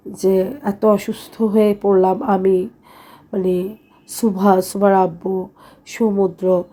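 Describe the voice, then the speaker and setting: Flat-voiced woman narrating a family vlog. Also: mid-range voice. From Bangladesh. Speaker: vlogger mother.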